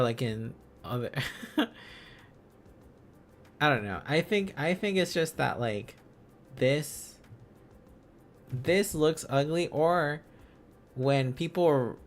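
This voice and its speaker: A man with a mid-range voice and lively intonation streams a casual lesson while learning Korean script on a live stream. He talks slowly, with long pauses. He muses aloud, repeating phrases and syllables as he works out letters and words.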